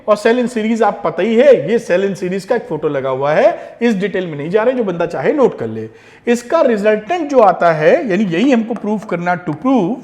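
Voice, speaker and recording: A man's voice: sits high, darkish tone. A man teaching a physics lesson for exam preparation, encouraging his students and mixing in English terms as he works on a board. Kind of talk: exam-prep lecture while writing on a board.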